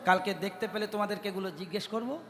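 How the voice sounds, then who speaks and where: High-voiced man preaching to a crowd. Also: fast, fairly bright tone. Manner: addresses the audience directly with questions. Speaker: kirtan singer and preacher. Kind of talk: devotional kirtan storytelling sermon. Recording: long hall reverb with music.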